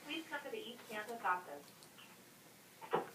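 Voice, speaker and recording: A woman making a slow, drawn-out paging announcement over a school intercom loudspeaker. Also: on the high side, big pitch swings. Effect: heard over a school intercom loudspeaker. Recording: distant echoey intercom with loud noise.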